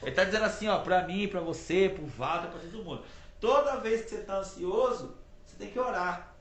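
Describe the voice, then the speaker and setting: A man's voice: high-pitched, fairly quick, fairly bright tone. A man preaching an informal sermon, talking conversationally and repeating his points for emphasis. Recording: roomy echo.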